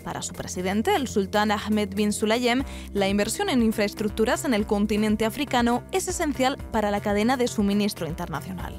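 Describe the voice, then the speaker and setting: A woman's voice: mid-range voice, lively intonation, normal speed, darkish tone. A woman presenter reading scripted narration for a business news magazine. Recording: music bed behind the voice. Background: background music.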